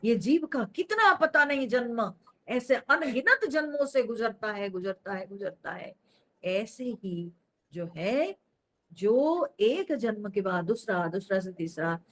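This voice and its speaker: Woman, spiritual teacher, discourse, rhetorical questions, animated pitch. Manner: explanatory, asks rhetorical questions, mixes English phrases.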